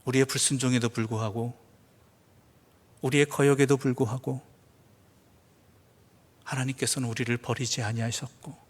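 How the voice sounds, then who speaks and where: Korean pastor preaching in a reverberant church. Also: male voice, mid-range voice, flat delivery, normal speed, pauses often. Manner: swings between loud emphatic preaching and hushed near-whispers; asks rhetorical questions. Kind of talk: sermon. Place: church sanctuary. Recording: church hall with long reverb.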